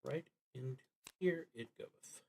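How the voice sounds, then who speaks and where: Streaming a solo roleplaying game, a man with a gravelly, medium-pitched voice reads prompts out loud and reasons to himself in a slow, halting manner that fades into mutters. Background noise is audible.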